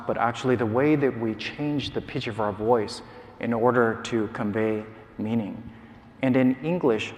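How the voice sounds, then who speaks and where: A man giving a measured, explanatory academic lecture in a large conference hall, with occasional filler sounds. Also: medium pitch. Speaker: scientist giving a prize lecture.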